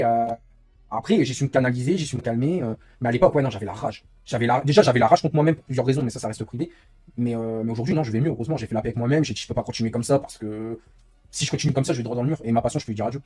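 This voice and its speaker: A man's voice: mid-range voice, a little mellow, husky. A young man chatting candidly on his live stream, rambling and confiding, with frequent tag words. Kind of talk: casual live-stream chat.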